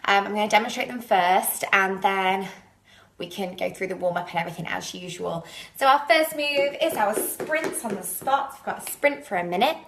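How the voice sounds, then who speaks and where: A woman's voice: mid-range voice, normal speed, a bit bright, reverberant. A woman leading a live home workout, chatty and a little out of breath, laughing at her own slips while she demonstrates the moves. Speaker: fitness instructor. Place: living room.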